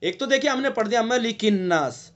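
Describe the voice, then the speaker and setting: With an extremely high pitch and an animated delivery, the Indian male recitation teacher explains patiently in his online lesson and breaks into long chanted recitation. The top end of the audio is cut off.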